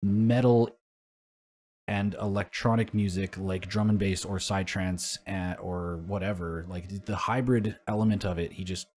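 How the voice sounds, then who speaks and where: Husky-voiced young man in casual chat. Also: deep voice, steady tone, measured pace, darkish tone. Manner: casual, swears freely, laughs easily. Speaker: podcast co-host.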